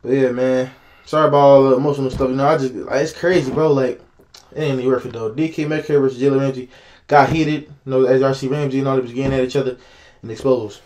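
A man's voice: mid-range voice, fast. A young man speaking, giving casual, slangy reaction commentary on a football game, talking straight to his viewers. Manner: excited, slangy, talks to viewers, laughs often. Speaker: sports reaction YouTuber.

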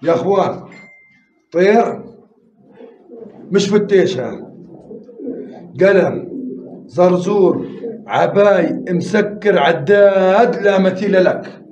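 High-voiced pigeon auctioneer. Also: male voice, a little mellow. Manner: rapid bid counting and urging viewers. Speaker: live auction host. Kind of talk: live-stream pigeon auction calling. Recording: roomy, slightly dull live-stream audio with faint noise.

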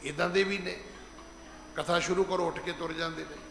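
High, gravelly middle-aged man preaching. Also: fairly even intonation, fairly bright tone, slight background noise. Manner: emphatic, slows down to stress scripture, acts out quoted speech. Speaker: head granthi preacher. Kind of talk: gurdwara sermon. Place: large gurdwara hall. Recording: echoey hall with long reverb, faint ambience.

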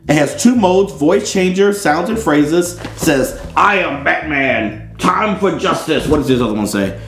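A middle-aged American man hosts a casual, comedic unboxing, playing it up in a theatrical, playful way. His voice is a little high and a bit bright. He's on a small indoor studio set, and the recording sounds roomy and echoey.

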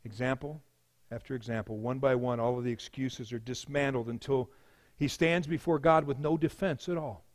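A pastor preaching a sermon, emphatic, swinging between loud declarations and hushed lines. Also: male voice, medium pitch, steady tone, moderate pace.

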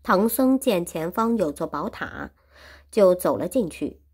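In an unhurried, animated way, a woman gives a Chinese storytelling lesson, retelling a classic tale in simple language and going back over each phrase to repeat and explain it. Her voice is lowish and slightly rough.

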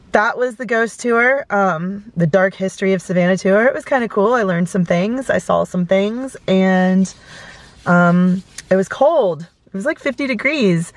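A woman's voice: medium pitch, no room sound. A woman in her thirties, chatting casually into a camera from inside her car, rambling with lots of fillers. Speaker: vlogger. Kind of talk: casual storytelling. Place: inside a parked car at night. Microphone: camera close in front.

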